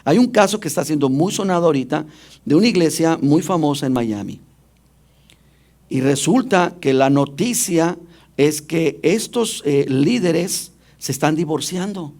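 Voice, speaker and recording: Male pastor, slightly high voice, sermon delivery that keeps questioning the congregation. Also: animated, a little slow, a little mellow.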